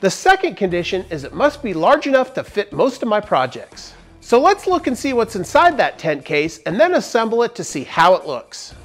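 A man in his forties hosts a casual woodworking review from a big barn workshop. His lively, swinging delivery stays jokey and explanatory. Faint music plays under his lapel-miked voice. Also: sits high, moderate pace. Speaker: woodworking channel host.

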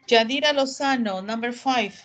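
A woman's voice: fairly high pitch, a bit bright. Patient woman teacher on a video call. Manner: patient, explains slowly, mixes Spanish and English. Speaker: English teacher. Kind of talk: online class, calling on students.

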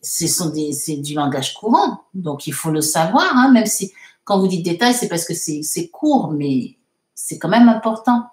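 Slow-talking woman teacher in an echoey room. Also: on the low side, very animated, a little mellow. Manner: switches between French and slow English, frequent hesitations. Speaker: English teacher. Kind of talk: live online English lesson.

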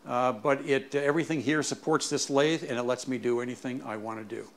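Showing off his small garage workshop, a woodturner explains things informally in a steady, medium-pitched voice. His speech is halting, with words repeated as he works through his explanations.

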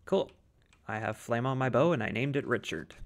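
A man's voice: medium pitch, normal speed. A man hosting a gaming channel, chatting casually and joking with a friend while they play a modded game, chuckling often.

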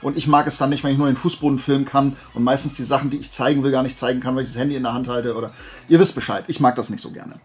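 Racing along in a steady, medium-pitched voice with a breathy edge, this man chats casually about flea market finds. He's colloquial and playful, wandering off into small digressions as he talks to viewers.

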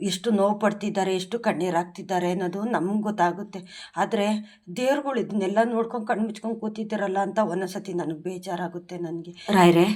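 Pleading woman in fervent prayer. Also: on the high side. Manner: pleading, fervent, speaks straight to the deity. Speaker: devotional channel host. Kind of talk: heartfelt spoken prayer.

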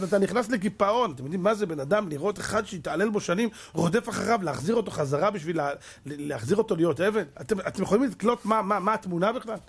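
A middle-aged rabbi delivers a dramatic sermon, firing rhetorical questions at his listeners. His voice sits high and sounds husky. He swings from loud exclamations down to hushed asides. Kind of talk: animated Torah lecture.

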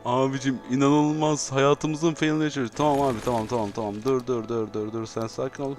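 A man's voice: medium pitch, fairly even intonation, fairly quick, darkish tone, faint music behind. A Turkish man commentating a city-building game, given to dramatic exasperated outbursts and repeated phrases. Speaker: gameplay commentator. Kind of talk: excitable gameplay commentary.

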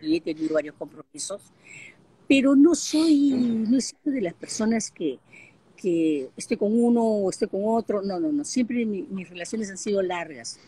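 An older Peruvian woman speaks as an interview guest, recounting her life in lively stories sprinkled with fillers. Her voice is husky at a medium pitch and comes over a video call. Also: normal speed. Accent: Peruvian Spanish. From Peru. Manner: lively storyteller, frequent fillers. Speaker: guest, actress and broadcaster. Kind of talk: casual interview talk.

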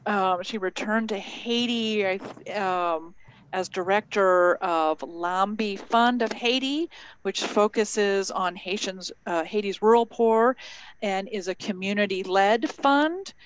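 A woman's voice: medium pitch, slow pace, smooth, poor audio. A woman hosting a live-streamed interview, introducing her guest in a chatty way with frequent ums and restarts. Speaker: host.

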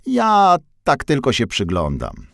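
A man voicing a curious, excitable young male mail van in a children's audio story, speaking in lively, wide-eyed chatter. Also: medium pitch, takes it slowly, vocal fry, no room sound, studio quality, pitched above the performer's own voice, full character voice. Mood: excited.

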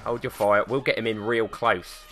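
A young man streaming a battle game live, animated and jokey, barking orders at his troops and swearing cheerfully. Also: fairly low pitch, normal speed, faint music behind. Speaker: gaming streamer. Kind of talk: live gameplay commentary.

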